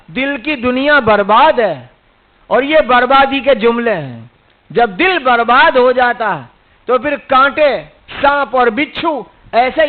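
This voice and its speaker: A man preaches a sermon in a strikingly high voice, exhorting his listeners and pressing them with rhetorical questions. The recording is thin and narrow, like a phone line. He comes from India. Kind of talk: religious sermon. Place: mosque gathering.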